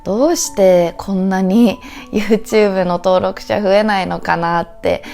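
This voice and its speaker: A Japanese woman with a Japanese accent and a cute, high, anime-like voice, talking earnestly and gratefully to camera as a teacher. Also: steady tone, measured pace, vocal fry, darkish tone, soft background music. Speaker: Japanese teacher and video creator. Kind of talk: heartfelt talk to camera.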